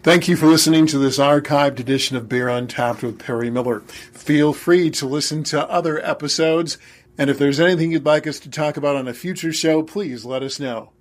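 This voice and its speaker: A man hosting a radio show, reading scripted narration in a crisp, upbeat announcer delivery. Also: on the high side, a little fast.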